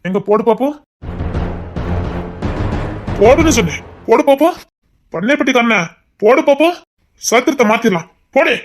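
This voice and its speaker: A woman's voice: sits high, lively intonation, moderate pace, long pauses, music in the background. A woman voicing a blustering, proud uncle. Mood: threatening. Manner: blustering, threatening, boasts of his lineage. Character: proud, hot-tempered middle-aged man, a maternal uncle. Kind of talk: audio family drama.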